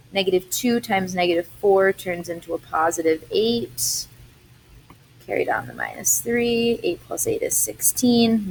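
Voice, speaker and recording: Young woman math teacher talking thru algebra steps, casual and chatty, bit of faint hiss. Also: mid-range voice. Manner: chatty, explains step by step. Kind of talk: recorded algebra lesson.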